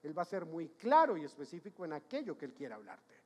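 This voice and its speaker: A man's voice: a little high, huge pitch swings, fast. Give me a man preaching emphatically, asking the congregation questions. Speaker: pastor. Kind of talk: sermon.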